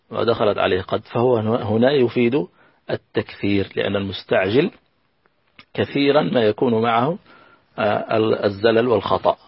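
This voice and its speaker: A man teaching a lesson on Arabic grammar, slow and patient, repeating key phrases and working through examples. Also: lowish voice, breathy edge, dry recording, muffled recording. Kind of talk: recorded classroom lesson.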